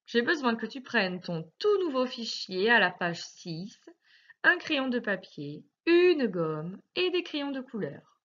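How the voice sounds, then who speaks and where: A French woman teacher talks a young child through a phonics worksheet, drawing out each word with lively, bouncing pitch. Her pace is slow and deliberate, and the recording sounds a little dull and lo-fi. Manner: slow, clearly articulated, sing-song emphasis on words. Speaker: primary school teacher.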